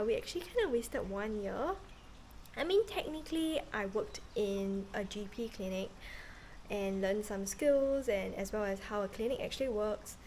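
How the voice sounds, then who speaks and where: A woman in her thirties from Singapore talks to a handheld camera on an outdoor porch in a chatty, earnest way, filling pauses with ums and yeahs. Her voice sits at a middling pitch for a woman. A faint outdoor ambience hums underneath. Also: darkish tone, slight background noise, rough recording. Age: 30s. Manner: chatty, earnest, with many fillers. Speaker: vlogger, medical student. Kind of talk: casual talking-to-camera vlog. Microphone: camera held at arm's length.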